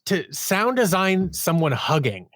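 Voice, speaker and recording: A man with a high-pitched, sing-song voice and a measured pace is a podcast guest, an audio drama producer and sound designer. In a conversational interview, he tells stories about his creative work and acts out bits of quoted dialogue. His tone is a bit bright, in a studio-quality recording with no room sound.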